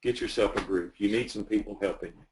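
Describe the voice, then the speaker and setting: A man's voice: fairly low pitch, steady tone, fast talker, darkish tone, low-quality recording. A man working as a business coach, talking earnestly and with animation as he tells stories in a casual interview.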